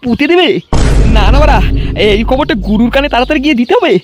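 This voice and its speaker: A man's voice: extremely high pitch, animated, fast talker. A man voicing a jittery gang henchman in a comic cartoon, stammering and pleading with his boss. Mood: alarmed. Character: panicky male gang henchman. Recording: voice over loud music.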